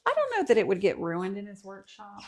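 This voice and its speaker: A woman's voice: mid-range voice, wildly swooping pitch, fairly quick, slight background noise. Woman home vlogger, casual livestream host, lots of ums while reading comments. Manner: chatty, with many ums, reads comments aloud. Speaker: host of a home and kitchen channel.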